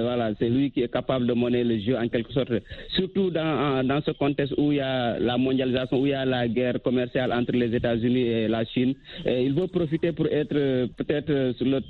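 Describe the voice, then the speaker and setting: A man calling in to a radio show from Senegal, giving his opinion haltingly and leaning on stock filler phrases over the phone. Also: medium pitch. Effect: phone call into a radio show. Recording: tinny phone line.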